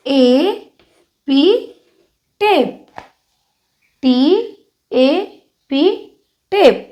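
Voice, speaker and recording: A young woman with an Indian English accent teaching children phonics, spelling words out letter by letter in a patient, coaxing way. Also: high-pitched. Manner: slow, drawn-out letter-by-letter spelling.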